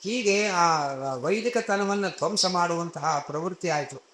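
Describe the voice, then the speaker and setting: A man's voice: high voice, measured pace, fairly bright tone, a little hiss or hum. A man giving a religious discourse, telling scripture stories in a conversational way with everyday asides, recorded in an echoey hall. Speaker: spiritual discourse speaker.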